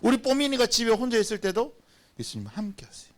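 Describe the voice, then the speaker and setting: A man pastor giving a lively, playful children's sermon and having the children repeat after him. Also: extremely high pitch, fast talker. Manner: animated, playful, acts out little scenes.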